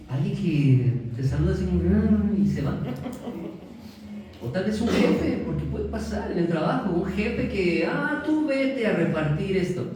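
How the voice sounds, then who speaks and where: Mexican male pastor, high voice, lively sermon, distant mic, faint hiss. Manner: lively, asks the congregation questions and jokes. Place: church sanctuary. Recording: very echoey church hall, from far off.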